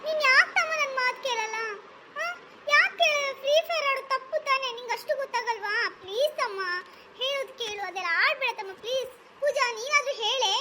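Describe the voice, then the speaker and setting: A woman voicing a gushing cartoon girl with a squeaky, extremely high voice. She is all big feelings and quick tears. A clear hiss from the home recording runs under her. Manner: gushing, overly emotional. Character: excitable girl, big sister and hostess. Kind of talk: animated cartoon skit voice.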